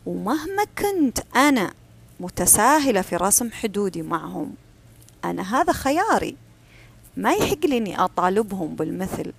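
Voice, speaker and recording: A woman giving a calm, firm advice talk. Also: mid-range voice, normal speed, gravelly, breathy edge. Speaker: self-help speaker. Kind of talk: advice talk on personal boundaries.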